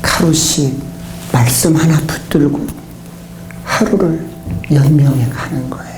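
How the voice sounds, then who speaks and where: A man preaching a revival sermon, telling his testimony with emotion and often dropping to a hushed whisper. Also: fairly high pitch. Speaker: pastor.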